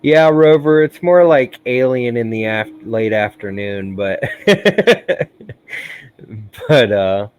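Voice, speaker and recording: A man's voice: lowish voice, unhurried, few pauses, clean tone, no room sound, dull audio. A tired man hosting a casual livestream, chatting loosely with a regular viewer and sighing between thoughts. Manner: relaxed, rambling, sighs often. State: tired, yawning. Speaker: livestream host.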